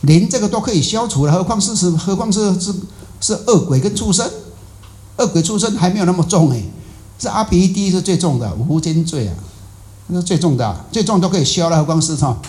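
A man teaching from a Buddhist sutra in an unhurried, talky way, circling back over his points with filler sounds and questions to the listeners. His voice is dark and mellow, and his pitch rises and falls in lively swings. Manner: loose, repetitive explaining full of filler particles and rhetorical questions. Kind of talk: conversational sutra lecture.

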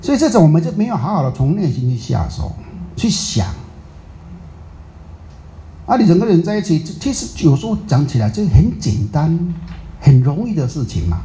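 Very mellow-voiced man giving a dharma talk. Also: a little high, sing-song, moderate pace, long pauses, rough recording. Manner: chatty, keeps asking the audience "right?"; mixes in English words. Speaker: Buddhist dharma teacher. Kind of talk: informal dharma talk to a live audience.

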